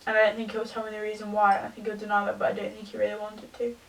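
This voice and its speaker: A young woman, tipsy, giving a rambling, halting confessional rant to a camera some distance away. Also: medium pitch, completely flat delivery. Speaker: vlogger. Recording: distant from the mic.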